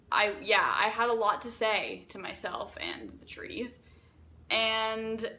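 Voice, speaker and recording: A young woman vlogging, talking casually to camera in a rambling, animated way with self-deprecating asides. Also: medium pitch.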